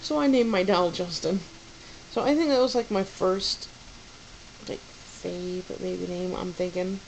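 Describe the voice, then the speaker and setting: A woman's voice: fairly low pitch, measured pace, a little hiss or hum, poor audio. A young woman vlogging about baby names in a rambling, casual way, full of fillers and restarts.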